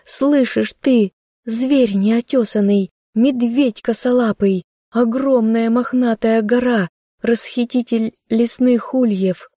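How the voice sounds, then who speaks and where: A woman's voice: mid-range voice, fairly even intonation, measured pace, dark tone, breathy edge, dry recording, studio quality, voice pushed up. A woman reading an audiobook, voicing a tender, devoted young village girl who speaks with emotional, pleading intensity. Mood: anguished shouting.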